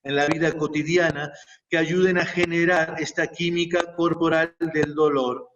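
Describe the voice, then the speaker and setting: Distant, muffled man explaining calmly. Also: a little high, moderate pace. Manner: explains step by step in repeated lists. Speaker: guest speaker on codependency. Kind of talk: reflective explanatory talk. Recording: distant, muffled mic with faint noise.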